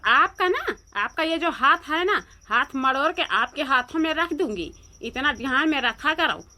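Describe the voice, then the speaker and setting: A woman's voice: high-pitched, animated, measured pace, bright, forceful tone, full character voice. A woman voicing a fierce young wife who scolds and threatens in a cartoon, with an Awadhi accent. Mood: scolding. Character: fierce young wife guarding her husband.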